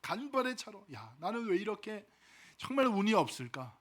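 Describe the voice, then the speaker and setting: A man voicing a frustrated young man who grumbles loudly about his bad luck. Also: high voice, very animated, moderate pace, full character voice. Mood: lamenting. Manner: loud, exasperated lamenting.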